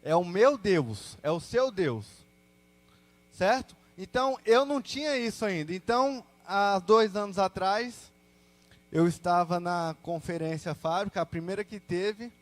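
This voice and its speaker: A young Brazilian man with a notably high voice shares his faith story before a congregation. He talks casually, full of slang, and breaks into quick quoted asides as he goes. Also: expressive, dry recording. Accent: Brazilian Portuguese. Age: young adult. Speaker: church testimony speaker. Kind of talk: personal testimony to a congregation.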